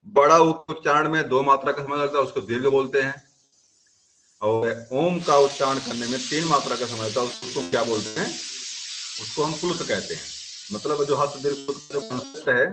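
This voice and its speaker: A man's voice: on the high side, sharp tone, rough recording. Man teaching grammar in an online class. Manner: explains step by step and keeps checking understanding.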